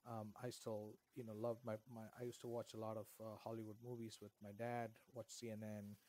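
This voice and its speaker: Speaking briskly with a darkish, fairly low voice and little pitch movement, a middle-aged Indian man whose first language is Kannada gives long interview answers as a guest author. He rambles, often restarting and using fillers.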